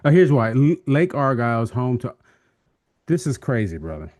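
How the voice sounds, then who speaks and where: A man's voice: medium pitch, normal speed, dry recording, studio quality. A middle-aged man and pastor co-hosting a podcast, joking animatedly in casual chat. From Texas. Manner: animated, joking storyteller with frequent "right?".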